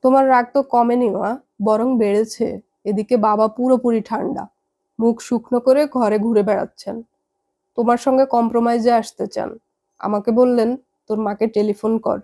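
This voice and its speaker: A woman voicing a calm young adult daughter who reasons patiently with her parents. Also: a little high, normal speed. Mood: patient, reasoning.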